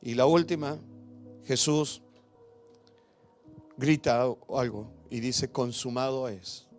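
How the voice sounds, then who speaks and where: A man preaching a sermon as pastor, emphatic and questioning, with big swings between loud and hushed. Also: medium pitch, takes it slowly, soft background music.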